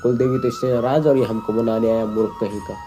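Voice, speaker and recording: A man's voice: mid-range voice, fairly even intonation, quick pace, close to an everyday voice. A man voicing a stern male deity who scolds a devotee with contempt, over background music. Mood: scornful. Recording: music playing underneath.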